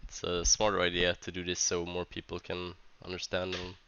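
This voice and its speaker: A Swedish-accented man with a low-pitched voice that is still bright and smooth. He sounds stuffy from a cold and works through a scripted vlog ramble in halting English with many restarts. The audio is somewhat dull and lo-fi. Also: completely flat delivery. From Sweden. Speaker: tournament organizer.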